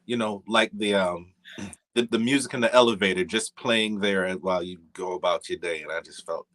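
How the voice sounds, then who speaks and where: This interview guest, a middle-aged jazz musician from Jamaica, has a deep, slightly bright voice with a Jamaican accent and speaks at normal speed. His easygoing, meandering talk is full of fillers and restarts.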